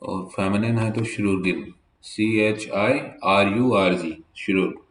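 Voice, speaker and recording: Slow, low-voiced man teaching vocabulary. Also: roomy sound. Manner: slow, spells words letter by letter. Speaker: German language teacher. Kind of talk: vocabulary lesson at a whiteboard. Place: classroom with whiteboard.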